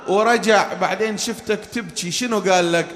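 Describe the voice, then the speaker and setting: A man's voice: high-pitched, a little fast, a bit bright. A man voicing a grieving young girl in sung, wailing calls. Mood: questioning. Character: grieving young girl calling her mother. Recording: reverberant hall.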